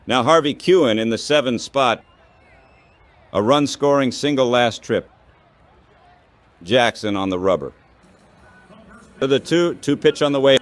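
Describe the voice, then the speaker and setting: Synthetic text-to-speech in a man's medium-pitched voice delivers baseball radio play-by-play in clipped, short phrases. The intonation is lively, the pace a little slow with frequent pauses, and there's no echo.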